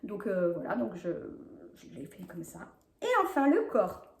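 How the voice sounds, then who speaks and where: A woman hosting a knitting vlog, chatting in a hesitant, filler-heavy way as she shows her projects, sometimes rushing and apologizing for talking fast. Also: medium pitch, huge pitch swings. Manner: chatty, hesitant with many fillers, laughs often. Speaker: knitting podcast host. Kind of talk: casual knitting vlog chat. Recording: echoey home room.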